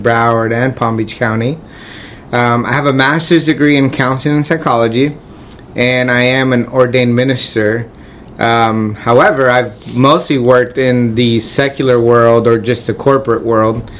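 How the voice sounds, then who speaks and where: A nonprofit CEO, born in Colombia and raised in Florida, answers interview questions in a relaxed, friendly way, using lots of fillers. His voice sits in the mid-range, and the recording has a slight hiss or hum.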